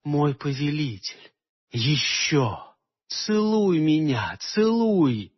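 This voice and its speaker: Brief: husky fairy queen, sultry and scornful by turns, read by a man, lo-fi radio sound. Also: high-pitched, expressive, a little slow, heavily acted. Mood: seductive. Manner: sultry, soft, then icy and mocking. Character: seductive scheming fairy queen, woman.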